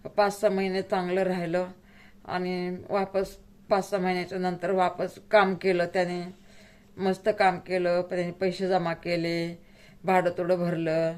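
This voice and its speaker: A woman's voice: fairly low pitch, a little mellow. Tearful middle-aged woman pleading. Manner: pleading and tearful, rural Marathi speech. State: close to tears. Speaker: vlogger. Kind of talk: emotional personal vlog talk.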